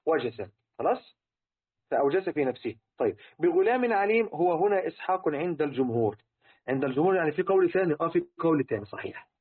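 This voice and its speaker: This Egyptian-accented religious teacher has a fairly high, husky voice. Explaining word meanings in his lesson, he throws rhetorical questions at listeners and repeats key terms. The sound is lo-fi and tinny, much like a phone.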